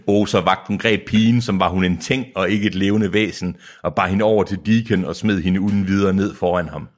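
A man's voice: low voice, fairly even intonation. A man co-hosting a podcast, reading a novel aloud and breaking off for joking asides. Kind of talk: reading aloud with casual chat.

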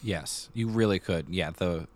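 A podcast co-host with a voice that sits low speaks a little slowly, with no room sound. He's in a casual conversation, building his points through repeated phrasing.

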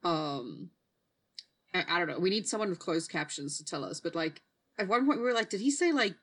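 A woman co-hosting a casual podcast chat, speaking in a lowish voice. She is chatty but a little hesitant, restarting her sentences as she goes. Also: expressive, fairly quick, fairly bright tone. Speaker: podcast co-host.

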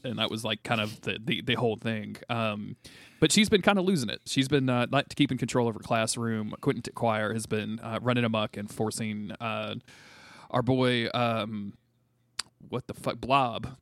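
A tired man co-hosting a casual comic book podcast, talking in a halting, rambling, sweary way. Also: fairly low pitch, fairly bright tone, no echo. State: tired from very little sleep. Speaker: podcast co-host.

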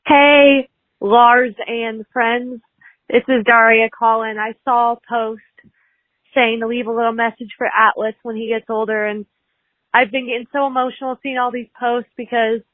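A woman's voice: fairly high pitch, little pitch movement, moderate pace, no room sound. A woman in her early twenties leaving an earnest, rambling voicemail over the phone. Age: early 20s. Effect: over a phone line, voicemail. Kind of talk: heartfelt voicemail message.

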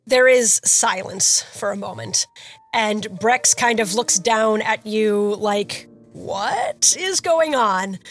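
A woman hosting a tabletop role-play podcast, narrating the story as game master in a measured storytelling way. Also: medium pitch. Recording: music under the voice.

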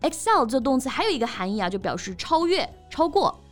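A woman's voice: high voice, sing-song, brisk, faint music behind. A woman co-hosting a podcast lesson, giving example sentences and pointing out pronunciation in a bilingual teaching chat. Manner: explanatory, stresses pronunciation and gives example sentences. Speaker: podcast co-host and English teacher.

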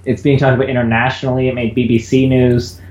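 A man's voice: mid-range voice, flat delivery, fast talker, darkish tone. A man co-hosting a podcast, heard over a bad video-call connection and talking earnestly. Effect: bad call connection, dull lo-fi audio. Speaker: podcast co-host. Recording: lo-fi roomy video call audio with faint background noise.

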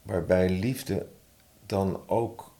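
Slow, deep-voiced man reading thoughtfully. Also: fairly even intonation, vocal fry. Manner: slow, thoughtful, reads his own poem softly and deliberately. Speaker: podcast guest, publisher and poet. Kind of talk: conversational interview with a slow poetry reading.

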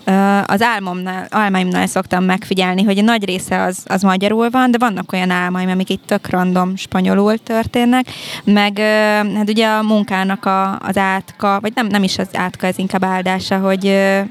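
Female podcast guest, creaky voice with moderately restrained melody, conversational, hesitant as she searches for words. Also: medium pitch, flat delivery. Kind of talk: casual conversational interview.

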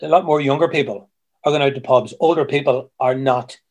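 A man, a musician guest who tells stories in a halting way, repeating words, heard over a video call. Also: mid-range voice, darkish tone. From Ireland. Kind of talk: casual interview chat.

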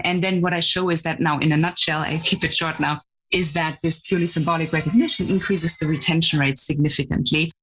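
A middle-aged woman professor, a podcast guest, explaining her research in an articulate, measured way. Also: low-pitched, a bit bright, slightly rough.

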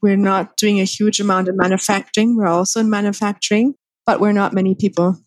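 Woman in her 30s from Thailand, interview guest; mid-pitched, measured and reflective, dry close sound. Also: flat delivery, dry recording. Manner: measured, thoughtful, with restarts. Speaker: guest, family business heir. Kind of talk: conversational interview.

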